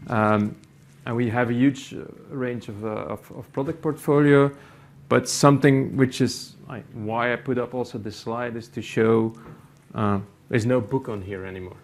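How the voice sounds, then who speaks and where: A middle-aged Belgian IT executive, a native Dutch speaker with a Belgian Dutch accent, gives a conference presentation in a meeting room. His medium-pitched voice holds a steady tone, but his delivery is halting, full of fillers and restarts.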